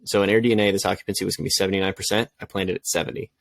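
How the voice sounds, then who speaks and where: Gravelly low-voiced man, candid and reflective. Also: level tone, rapid-fire, a bit bright. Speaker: podcast co-host. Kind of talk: casual podcast chat.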